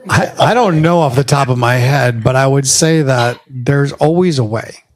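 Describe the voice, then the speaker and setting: A man's voice: medium pitch, normal speed. A man on a conference panel answering an audience question, easygoing and laughing between phrases. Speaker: panel speaker.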